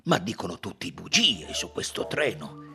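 A man reading aloud and voicing an excitable male railway director who exclaims vehemently. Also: low-pitched, moderate pace, creaky, over music, exaggerated voice. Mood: exasperated.

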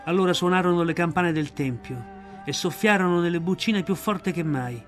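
Man, audiobook narrator, slightly high voice, measured, expressive. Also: soft background music. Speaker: audiobook reader.

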